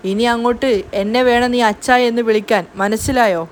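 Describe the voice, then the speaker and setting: A woman's voice: fairly high pitch, fairly even intonation, fairly quick, a little hiss or hum, natural voice. A woman reading the lines of a menacing man who has kidnapped a young girl, in a harsh, threatening way.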